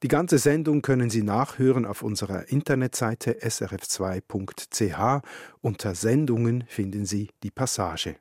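A man hosting a radio culture program in calm, measured announcements. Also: lowish voice, husky, no echo, studio quality. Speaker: radio culture show host. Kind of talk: radio presenting. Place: radio studio.

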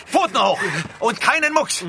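Theatrical, scheming husband, animated pitch. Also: male voice, normal speed, gravelly, noisy background, heavily acted. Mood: menacing, outraged. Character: scheming, armed, domineering husband, feigning jealous outrage. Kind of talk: radio drama acting.

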